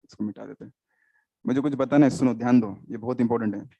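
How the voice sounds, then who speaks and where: A man's voice: medium pitch, fairly even intonation, quick pace, vocal fry, no echo, dull audio. An Indian man teaching biology in a live class, often quizzing students and repeating terms, switching into English.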